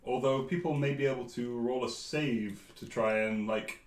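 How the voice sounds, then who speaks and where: English game master in an echoey room. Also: male voice, medium pitch, moderate pace. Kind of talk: narrating a tabletop game.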